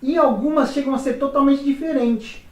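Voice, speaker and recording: A woman's voice: sits high, moderate pace. Woman, co-host, casual chat, frequent fillers, far from mic, echoey room. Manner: chatty, uses fillers like "tá" and "né".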